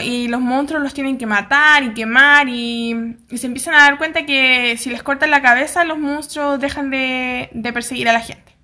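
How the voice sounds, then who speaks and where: Young chilean woman recapping a show, bright and a bit high, slangy chatty vibe. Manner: chatty, acts out characters' lines, slangy asides. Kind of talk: casual retelling of a TV drama plot.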